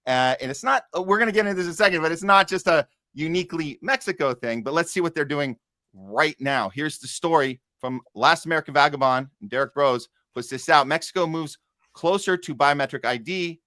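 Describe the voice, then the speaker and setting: A man hosting a news countdown show, reading stories haltingly and dropping in sardonic commentary. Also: a little high, bright, forceful tone, no room sound, studio quality. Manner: sardonic asides.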